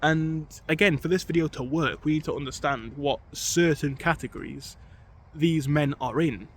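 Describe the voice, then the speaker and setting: A young man with a fairly high voice talks earnestly to the camera, restarting his sentences as he thinks aloud. He is out on a bike ride, and faint outdoor sounds stay under his voice. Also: normal speed, a little hiss or hum. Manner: earnest, repeats words while thinking aloud. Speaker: vlogger. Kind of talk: casual talking-to-camera vlog.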